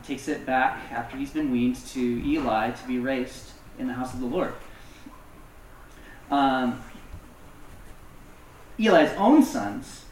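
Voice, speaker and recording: A man's voice: mid-range voice, slight background noise. A man preaching a casual, self-deprecating sermon as pastor, with many fillers. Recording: echoey room, distant mic.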